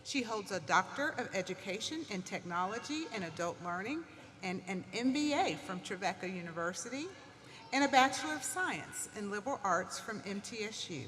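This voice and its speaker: A woman formally introducing a speaker at a ceremony, reading in a measured way. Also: mid-range voice, lively intonation, a bit bright, slight background noise. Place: large auditorium. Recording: echoey large hall with faint ambience.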